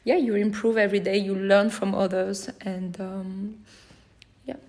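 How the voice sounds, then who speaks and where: A woman with a French accent, speaking English as a second language, chatting as a podcast guest and often pausing with fillers while she looks for words. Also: mid-range voice, little pitch movement, a little mellow. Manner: hesitant, searching for English words with many fillers. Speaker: podcast guest, small business owner. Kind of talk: casual interview chat.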